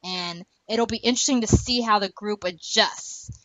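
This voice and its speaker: With a mid-range voice at normal speed and background noise behind her, this podcast co-host gets animated discussing a TV show, using playful, slangy wording as a fan.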